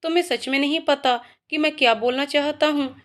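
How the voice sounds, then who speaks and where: A woman's voice: high voice, fairly quick, natural voice. A woman voicing a playful, loving young male professor in a told story, teasing and coaxing. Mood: pleading. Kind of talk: storytelling voices.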